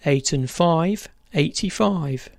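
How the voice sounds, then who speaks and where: A bingo caller announcing numbers in measured, formulaic set phrases. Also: medium pitch, darkish tone, no echo, clean studio sound.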